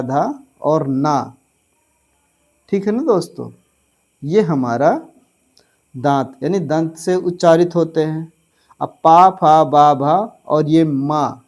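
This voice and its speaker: A man teaching an online grammar lesson for exam preparation. He addresses viewers as friends and drills syllables slowly. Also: a little high, darkish tone.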